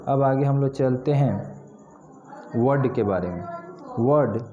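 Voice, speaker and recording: A man teaching a basic grammar lesson, slowly spelling words out letter by letter. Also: medium pitch, mellow, highs cut off.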